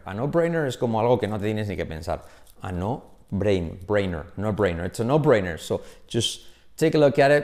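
A Spanish-speaking man teaching English online. His voice sits in a middle range, and he drills phrases with lively, exaggerated pronunciation. He repeats each line over and over so the learner can copy it. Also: mid-range voice.

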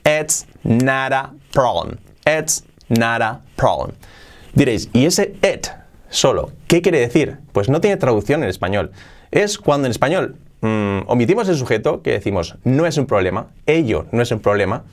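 A man whose first language is Spanish, teaching an online English lesson with lively explanations and slow, repeated example phrases. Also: medium pitch.

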